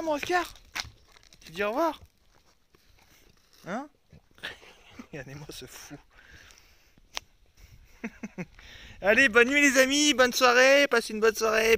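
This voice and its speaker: A man's voice: sits high, sing-song, a little slow, pauses often, noisy background. A man from France vlogging outdoors by a lake, chatting casually to his viewers and to his dogs. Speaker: van-life vlogger. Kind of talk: casual vlog chat.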